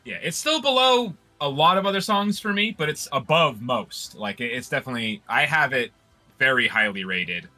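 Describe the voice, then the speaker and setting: A man co-hosting a casual chat, excitable and rambling, with frequent restarts. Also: mid-range voice, normal speed, faint music behind. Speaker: podcast co-host.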